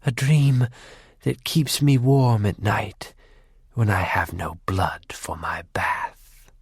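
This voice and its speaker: A man voicing a cruel, war-loving female faery who taunts her sister in a low, menacing voice that drifts into whispers. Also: slow, a little mellow, husky, no room sound, clean studio sound.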